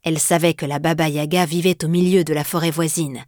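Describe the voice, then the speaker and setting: A woman storyteller reading a fairy tale aloud in a steady, expressive way. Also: low-pitched, fairly quick, no echo, studio quality.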